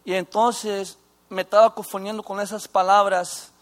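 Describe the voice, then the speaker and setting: High-voiced man, halting testimony. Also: flat delivery, a bit bright. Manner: halting, with restarts and mixing in English phrases. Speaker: former inmate giving testimony. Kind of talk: personal faith testimony.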